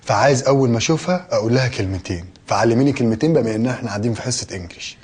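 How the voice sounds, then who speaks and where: An actor playing a brash, impatient young brother with an Egyptian accent. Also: male voice, mid-range voice, racing, a little mellow, husky, close to an everyday voice. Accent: Egyptian Arabic. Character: brash, naive young man chasing a foreign girl. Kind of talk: comedy sketch acting.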